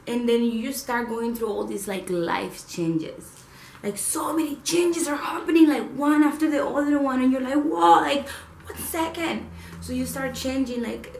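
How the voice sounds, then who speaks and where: A woman's voice: mid-range voice, reverberant, poor audio. A young woman talks straight to camera in a loose, chatty way, peppering her talk with "like" and swearing. Her voice rings around a reflective room, with a faint hum of ambience behind her. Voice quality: animated, swears freely, lots of "like". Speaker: vlogger. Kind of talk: casual spiritual vlog talk.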